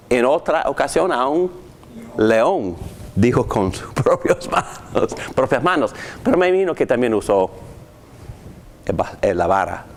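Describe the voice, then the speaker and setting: A man teaches a class on ministry in a voice of ordinary middle pitch. He reads scripture slowly and deliberately, then breaks it down with playful, humorous everyday examples. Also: slight background noise.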